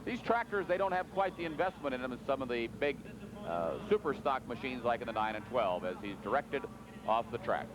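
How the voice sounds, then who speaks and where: A man calling a tractor pull as live play-by-play, in an excitable, folksy way. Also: mid-range voice, fairly quick, crowd noise. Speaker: tractor pull announcer and commentator. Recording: noisy outdoor track, engines behind. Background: outdoor ambience and vehicle noise.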